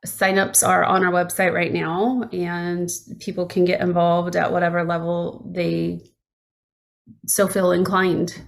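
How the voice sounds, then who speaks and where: A woman's voice: fairly low pitch, gravelly. A middle-aged woman, a foundation founder, speaking earnestly and from the heart as an interview guest. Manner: earnest, heartfelt, warm appeals. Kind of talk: conversational interview.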